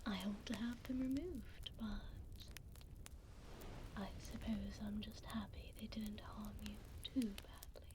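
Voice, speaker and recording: For an ASMR roleplay, a woman plays a regal, tender vampire duchess doting on a pup, whispering breathily into a close binaural mic with formal, old-fashioned phrasing. Her mid-range voice is natural, soft, and soothing, with fairly even intonation and a slow pace, and there is background noise.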